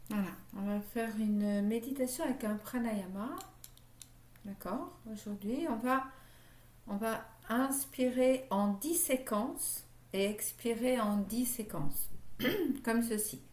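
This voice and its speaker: A woman leading a guided yoga meditation class, talking gently and checking in often with her students. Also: on the high side, slow pace, slight background noise. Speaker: yoga teacher. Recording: echoey room.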